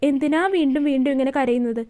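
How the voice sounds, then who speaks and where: A woman voicing a gentle but firm elderly grandmother, speaking in a calm, measured, motherly way. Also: sits high, natural voice. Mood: tender.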